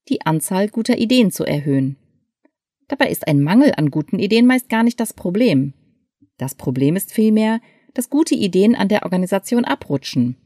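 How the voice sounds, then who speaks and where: Female narrator, mellow lower voice, scripted essay read, dry booth. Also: dry recording. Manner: clear, measured reading. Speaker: article reader.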